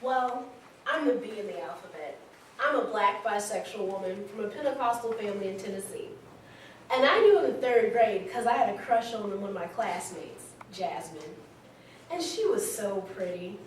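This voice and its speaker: In a staged reading, a woman plays a candid, smitten young woman telling her life story in a conversational way, sounding excited. Her medium-pitched voice is animated but close to everyday speech, at normal speed. The mic is distant in a very echoey hall, with faint noise.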